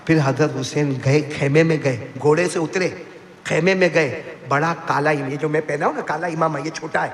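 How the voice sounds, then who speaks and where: A man delivers an impassioned sermon to a seated gathering, his fairly high voice rough with fry. He shifts from hushed pleading to ringing cries and keeps urging the listeners to respond. It comes through a public address mic in an echoey hall with a long tail of reverb and faint background ambience. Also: fairly even intonation. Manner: prompts the crowd to call back praise; fervent, swings between soft pleading and high cries. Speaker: preacher. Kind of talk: impassioned live sermon storytelling. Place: religious gathering before a seated audience.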